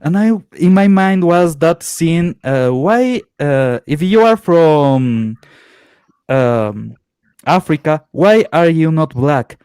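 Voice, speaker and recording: A man from Ecuador with an Ecuadorian Spanish accent, a native Spanish speaker, telling animated stories in a casual online chat. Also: on the high side, slow pace, smooth, no room sound, clean studio sound. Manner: animated storytelling, acts out quoted voices. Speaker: stream guest.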